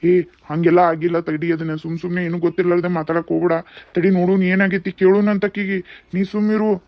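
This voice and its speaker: A performer voicing a worried older uncle in a cartoon, with a North Karnataka Kannada accent and a calming, reproachful manner. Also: medium pitch, a little fast, dry recording, natural voice. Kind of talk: cartoon dubbing. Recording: dull lo-fi sound.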